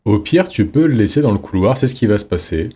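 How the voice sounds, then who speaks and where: A man's voice: lowish voice, expressive, fast, dark tone, breathy edge. A man giving casual let's-play commentary, chatty, reading in-game notes aloud with jokey asides. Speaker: streamer playing a horror game.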